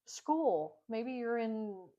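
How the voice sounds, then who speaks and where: A woman in her fifties co-hosting a casual faith chat, hesitant and agreeable, pausing on many ums. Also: a little high, expressive, warm tone. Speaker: podcast co-host. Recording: dull lo-fi sound.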